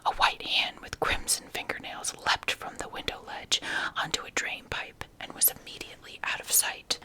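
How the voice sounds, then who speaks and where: A woman reading a story aloud as whispered ASMR, softly and unhurriedly in short phrases. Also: normal speed. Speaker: ASMR reader.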